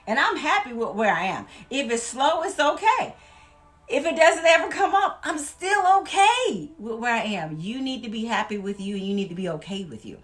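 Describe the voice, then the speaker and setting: A woman's voice: on the high side, fairly bright tone. Emphatic woman vlogger. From Louisiana. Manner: emphatic, preachy, folksy. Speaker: weight-loss vlogger. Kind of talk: motivational vlog talk.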